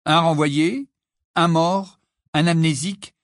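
A man's voice: a little high, steady tone, slow pace, no room sound, studio quality, pitched above the performer's own voice. A man voicing an earnest teenage wizard boy in an audiobook. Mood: insistent.

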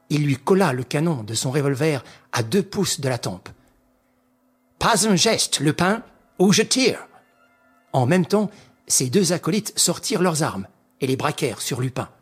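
A man narrating a classic novel aloud in a slow, measured, dramatic reading. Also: medium pitch, slightly rough.

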